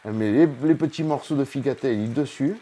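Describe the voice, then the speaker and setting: A man's voice: medium pitch, a little fast, mellow. A man hosting a casual home cooking vlog, talking chattily straight to the viewer. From southern France. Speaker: cooking video host. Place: home kitchen.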